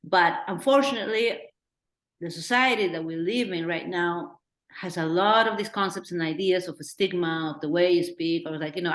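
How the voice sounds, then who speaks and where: A middle-aged woman from Peru with a Peruvian accent, talking earnestly as a director in a Q&A and thinking out loud with restarts. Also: on the low side. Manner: earnest, thinking aloud with restarts and acted-out quotes. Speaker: documentary director. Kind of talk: Q&A discussion. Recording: roomy echo.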